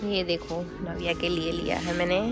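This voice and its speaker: A woman's voice: lowish voice, completely flat delivery, moderate pace. A woman, chatting casually to her phone camera as she walks and shows things. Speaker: vlogger. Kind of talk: casual shopping vlog narration. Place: busy indoor mall and outdoor food court. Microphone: handheld phone camera. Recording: loud crowd and music behind.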